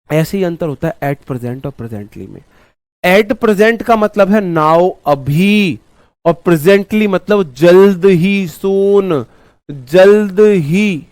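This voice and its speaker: A man teaching English grammar in an online class, animated, swinging between loud mock shouting and quiet asides, repeating key words slowly. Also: high voice, no room sound.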